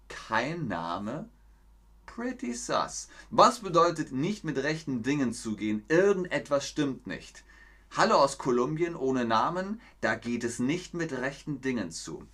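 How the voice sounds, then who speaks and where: A man teaching German on a live stream, reading a fairy tale aloud, explaining words and greeting viewers from the chat. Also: mid-range voice. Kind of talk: slow storytelling lesson with chat replies.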